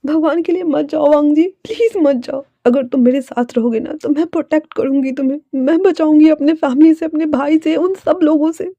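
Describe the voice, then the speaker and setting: A woman voicing a desperate young woman who cries and begs her lover to stay, her pitch pushed high and tearful. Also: steady tone, normal speed, warm tone, no room sound, muffled recording. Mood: weeping. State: crying.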